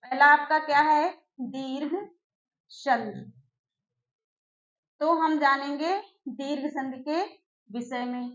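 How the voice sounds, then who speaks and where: A woman teacher giving an exam-prep grammar lesson, slowly repeating key phrases and putting questions to her students. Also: sits high, fairly even intonation, a bit bright. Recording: echoey room, dull lo-fi sound.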